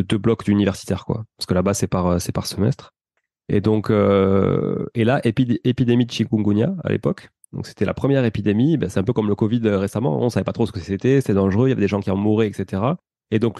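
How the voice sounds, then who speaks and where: With a lowish, dark voice touched by vocal fry, a Toulouse-accented Frenchman of about forty recounts his life as a casual interview guest. There's no echo and the studio sound is clean, while he chats along and often turns to the host saying "tu vois".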